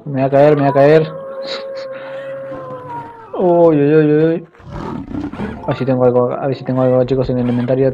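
A young adult man doing excitable let's play commentary, talking to viewers with frequent exclamations. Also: medium pitch. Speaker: gaming youtuber. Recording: slightly dull home mic with faint noise.

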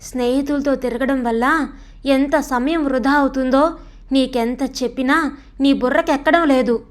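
A woman voicing a gentle, worried middle-aged mother who pleads with and scolds her son in a storybook reading. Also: high voice, fairly even intonation, normal speed, natural voice. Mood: pleading. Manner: pleading, sorrowful, admonishing.

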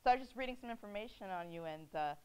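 A woman's voice: medium pitch, animated, very fast, darkish tone. A woman hosting a casual talk show, playful and giggly, echoing her guests' words back to them. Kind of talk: casual chat show interview.

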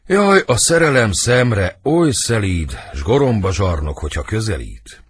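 A man reading the part of Benvolio, Romeo's loyal young friend, with an earnest, husky delivery for an audiobook. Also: lowish voice, very animated. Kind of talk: audiobook verse drama reading.

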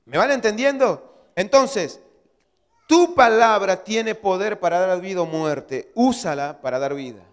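Man, pastor, high voice, fiery preaching with soft asides, echoing church hall. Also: expressive, measured pace. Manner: swings from loud exhortation to hushed asides. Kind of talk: sermon.

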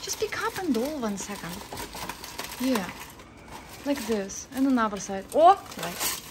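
In her home kitchen, a vlogger films herself with her phone camera, chatting casually and exclaiming as she handles a roast turkey. She's excited and laughing, her voice a little high and measured in pace, and the phone recording is noisy.

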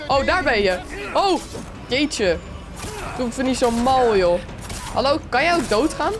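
A young Dutch woman commenting on her own gameplay, chatty and excitable, talking straight to her viewers. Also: sits high, unhurried, music in the background. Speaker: gaming streamer. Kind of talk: let's play commentary.

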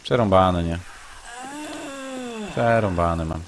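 A man's voice: low-pitched, takes it slowly, noisy background. A man giving casual gameplay commentary, grumbling and sarcastically muttering to himself. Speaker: let's play gamer.

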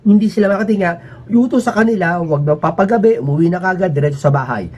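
A man talking casually to his viewers in a rambling, emphatic way, his pitch swinging up and down. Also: lively intonation, fast talker, darkish tone. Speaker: vlogger.

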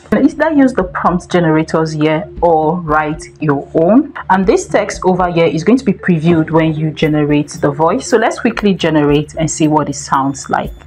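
A woman hosting a software tutorial, explaining each step in a steady, instructive way. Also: deep voice. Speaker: tech tutorial host. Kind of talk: screen-recorded software tutorial.

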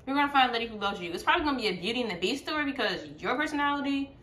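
A woman hosting a reaction video, chatty and exclaiming, quick to laugh at what she watches. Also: high voice, expressive, fairly bright tone. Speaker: video host reacting to a series. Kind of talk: casual reaction commentary.

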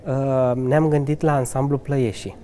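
A restaurant manager in his thirties, originally from Romania, takes interview questions in a fireplace lounge, speaking into the interviewer's handheld mic. His delivery is flat and mellow at a medium pitch, yet his answers are earnest and enthusiastic, with eager asides, a few laughs and restarts. Slight background noise is present.

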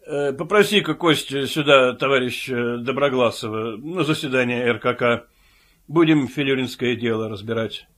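A man's voice: medium pitch, normal speed, fairly bright tone, natural voice. A man voicing a bureaucratic trade-union chairman who speaks in an officious, matter-of-fact way.

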